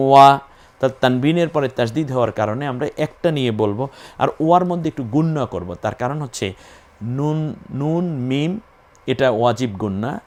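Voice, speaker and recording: A man's voice: medium pitch, a little mellow. A man teaching Quran recitation, patiently spelling out and repeating each letter and sound in a methodical lesson.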